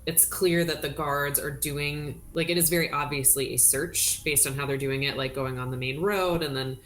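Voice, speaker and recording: A woman's voice: deep voice, fairly even intonation, moderate pace, a bit bright. A woman running a tabletop game as dungeon master, narrating in a casual, chatty way. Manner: casual, chatty, with many fillers.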